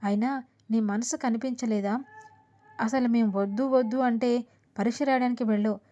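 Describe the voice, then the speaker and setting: A woman's voice: a little high, fairly even intonation, normal speed, mellow, lo-fi sound, natural voice. A woman voicing a furious scolding father. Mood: angry scolding. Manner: scolding, accusing. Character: furious drunkard's-family father, middle-aged man.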